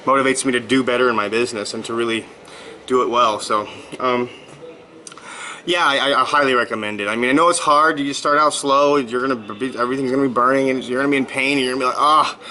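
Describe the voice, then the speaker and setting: Fresh from exercising, a thirty-something blogger chats in his vlog, rambling and upbeat with many fillers. His medium-pitched voice is steady, bright and forceful, he talks fast, and the audio is poor.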